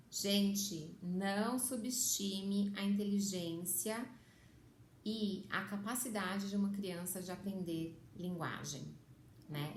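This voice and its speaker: A woman's voice: mid-range voice, echoey room, slight background noise. A middle-aged Brazilian woman teaching parents in a chatty, emphatic way, often adding "né?" and switching into a sing-song voice for baby talk. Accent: Brazilian Portuguese. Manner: chatty, emphatic, frequent "né?" asides. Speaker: bilingual parenting educator. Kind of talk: casual teaching to camera.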